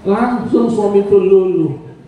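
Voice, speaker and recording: A man's voice: high voice, measured pace, dark tone. A man preaching a playful, teasing sermon to a women's study group, often asking the audience to agree. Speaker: Islamic preacher. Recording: very echoey hall, distant mic, faint noise.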